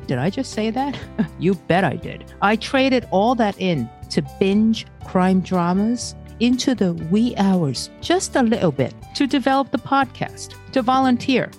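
A middle-aged woman co-hosting a podcast, chatting casually and reading out research with quick self-mocking asides. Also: medium pitch, a little mellow. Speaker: podcast co-host.

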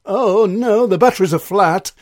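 A man's voice: sits high, moderate pace, pitched above the performer's own voice. A man voicing a brash, defiant male troublemaker in a children's story. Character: defiant rebellious man in the crowd.

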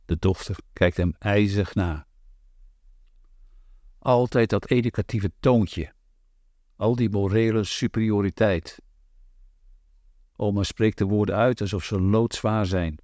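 A man reading a literary novel aloud in a measured, deliberate way. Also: on the low side, fairly even intonation, dark tone, no echo, studio quality. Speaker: audiobook narrator.

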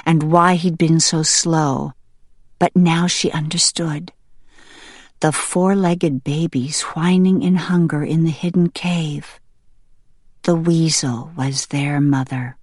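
A woman narrating a children's novel in steady, measured storytelling. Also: deep voice, no echo, studio quality. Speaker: audiobook narrator. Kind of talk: scripted narration.

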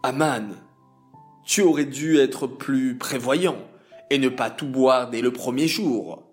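A man voicing a calm, shrewd man in a children's story, speaking evenly. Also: mid-range voice, slow, faint music behind, close to an everyday voice.

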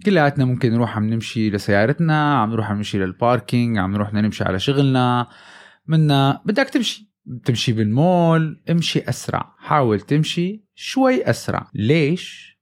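A man with a Levantine accent talks rapidly in a casual motivational vlog. He speaks straight to the viewer with energy and often corrects himself mid-sentence. His voice sits at an ordinary middle pitch. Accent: Levantine Arabic. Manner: energetic, addresses viewers directly, with self-corrections. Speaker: vlogger. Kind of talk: casual motivational talk to camera.

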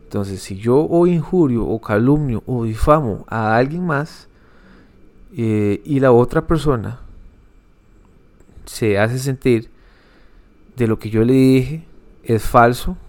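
A man hosting a solo commentary podcast, talking in a measured, opinionated way with frequent fillers and restarts. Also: medium pitch, darkish tone. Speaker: podcast host.

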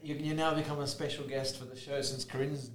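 A man's voice: on the high side, flat delivery, a little fast. Jokey man hosting a podcast in a roomy space. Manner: jokey, playful banter. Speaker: podcast host. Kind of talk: casual chat. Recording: roomy echo, faint music.

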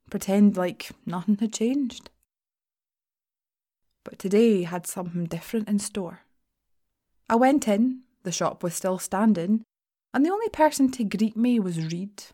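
Casting: actress as anxious, sardonic shop worker, female, broad Scottish accent, mellow timbre, sweary confessional monologue for audio drama. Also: medium pitch, close to an everyday voice. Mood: wistful, wry. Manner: wry, confiding, sweary storytelling. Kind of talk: first-person dramatic monologue in an audio fiction podcast.

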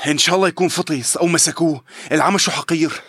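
An actor playing a brave, loyal young villager in a radio drama, talking bluntly and urgently in Levantine Arabic. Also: male voice, a little high, racing, pushed and bright, breathy edge, dry recording. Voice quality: blunt, urgent, insult-laden. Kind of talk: audio drama acting.

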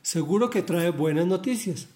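A man's voice: expressive, a little mellow, reverberant. A man reading a grieving old king. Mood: calm. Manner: slow, lamenting, pitched up. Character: grieving aged king, a father mourning his son.

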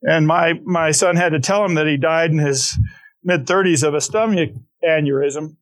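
A man's voice: fairly high pitch, steady tone, normal speed. A middle-aged man preaching a conversational sermon, telling stories with frequent restarts and asides. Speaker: pastor.

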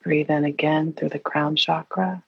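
A woman leading a guided meditation in an airy, breathy, soothing and hushed voice, leaving long pauses. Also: sits low, fairly even intonation. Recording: roomy, dull lo-fi sound.

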